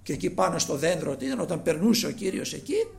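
A male preacher giving a sermon, emphatic, moving between loud passages and hushed ones, asking the congregation rhetorical questions. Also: fairly high pitch, big pitch swings, gravelly.

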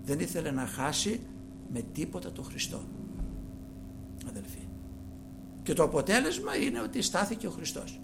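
A gravelly, fairly high male voice preaches a sermon with lively, swooping pitch. He sinks to hushed murmurs and climbs to loud, fervent exhortation, with faint noise under the recording. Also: long pauses.

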